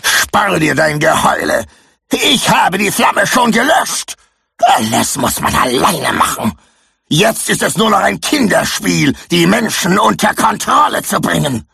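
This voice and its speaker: A man voicing a shrill, gloating male villain who cackles and barks orders. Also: very animated, very slow, gravelly, fairly bright tone, husky, no echo, clean studio sound, full character voice. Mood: domineering.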